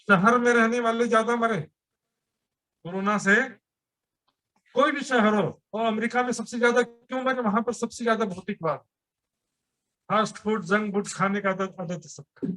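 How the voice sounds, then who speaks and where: A man's voice: sits high, fairly even intonation, normal speed, pauses often, pushed and bright. A man giving a sermon at a temple gathering, explaining his teaching with everyday examples and rhetorical questions. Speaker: preacher.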